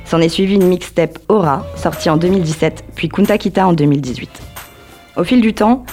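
A woman's voice: on the low side, a little fast, dark tone. A young woman presenting a scripted radio music column, talking to her listeners directly and with enthusiasm. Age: young adult.

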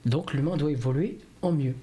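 A man's voice: fairly high pitch, moderate pace, warm tone, slight background noise. A man, a radio columnist explaining at length, with many fillers. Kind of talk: radio talk segment.

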